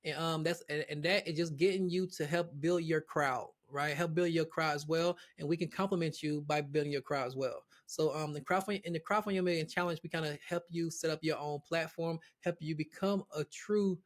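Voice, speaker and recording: A man's voice: on the high side, steady tone, a little fast, few pauses. A man who is a guest on an interview show, talking casually about his platform with many restarts and repeated words. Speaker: guest, real estate platform founder.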